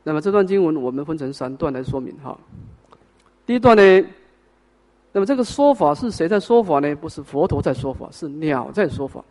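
Man, high-pitched, Buddhist sutra lecture, patient step-by-step explaining, asks and answers his own questions. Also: lively intonation, a little fast, a little mellow. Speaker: Buddhist teacher.

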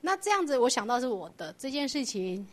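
A woman's voice: high voice, very animated, quick pace. A woman teaching a Buddhist doctrine lecture, explaining patiently and asking her class rhetorical questions.

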